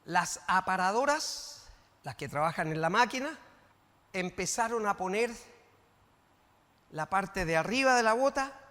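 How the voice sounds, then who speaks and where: High, bright-voiced Chilean pastor preaching. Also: male voice, expressive, unhurried, long pauses, in a large hall. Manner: impassioned preaching that swings from soft to shouting. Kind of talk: sermon. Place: church sanctuary.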